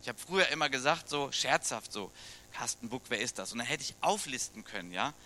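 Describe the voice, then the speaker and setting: With a medium-pitched, expressive and sharp voice, a middle-aged German pastor preaches a little fast. His sermon feels like a conversation, full of questions for the congregation, with a touch of hiss or hum in the audio.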